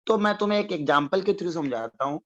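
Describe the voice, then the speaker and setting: Animated and brisk, a high-pitched man delivers a classroom-style economics lesson. He repeats explanations, keeps quizzing listeners with check-in questions, and warmly refers to them as his students. The recording sounds dull, dry, and lo-fi.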